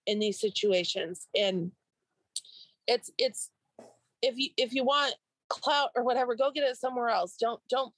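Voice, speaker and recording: Woman guest, slightly high voice, quick and insistent, dry recording. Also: no room sound, low-quality recording. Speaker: interview guest. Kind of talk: casual conversation.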